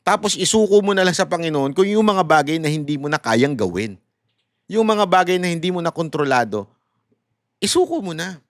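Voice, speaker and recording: A middle-aged Filipino man with a Filipino accent, giving candid faith-based advice in a lively, conversational way and switching between Filipino and English. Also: on the high side, brisk, no echo, studio quality. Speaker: podcast host.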